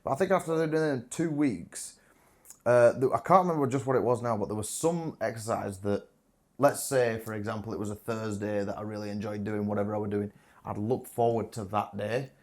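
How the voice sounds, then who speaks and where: Sweary, blunt man, low voice. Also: brisk. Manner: blunt, sweary, self-deprecating. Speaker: guest. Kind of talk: casual chat.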